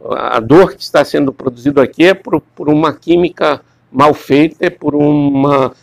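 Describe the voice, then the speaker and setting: A man's voice: a little high, normal speed, vocal fry, no room sound. A man giving a classroom lecture, rambling and repeating words as he questions his students.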